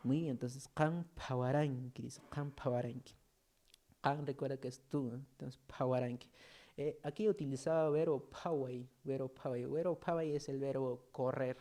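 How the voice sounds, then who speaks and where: A man's voice: mid-range voice, fairly even intonation, normal speed, warm tone. A man teaching an online language class, chatty and joking as he reads out student comments, with a Peruvian Spanish accent.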